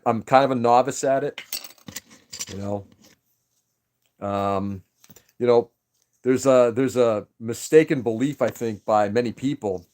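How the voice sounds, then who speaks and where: A livestream host who grew up speaking Greek chats casually, rambling and greeting viewers by name. His voice is mid-range with a darkish tone.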